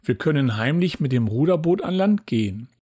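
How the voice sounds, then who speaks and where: A man's voice: medium pitch, animated, normal speed, warm tone, lightly acted. A man voicing a sensible young male pirate sailor who speaks in a plain, matter-of-fact way in a storybook reading. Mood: suggesting.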